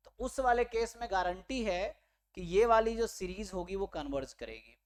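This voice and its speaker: A man's voice: high-pitched, expressive, normal speed. Male maths teacher explaining step by step. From India. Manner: explains step by step, mixing English terms and checking in with listeners. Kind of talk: online exam-prep lecture.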